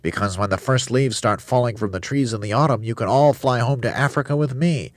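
A man's voice: medium pitch, fairly quick, dry recording, clean studio sound, pitched above the performer's own voice, natural voice. A man voicing a jolly, helpful, plump bird in a breezy storybook manner. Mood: reassuring.

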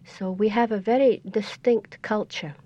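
An older woman with a Scottish accent, a guest on a radio interview, explaining things in a measured, storytelling way. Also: medium pitch, dark tone. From Scotland. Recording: dull lo-fi radio recording.

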